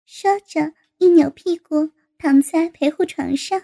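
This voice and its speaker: A woman reading a story aloud in a steady storytelling manner. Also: high voice, a little slow, creaky. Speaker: narrator. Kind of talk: read-aloud story narration.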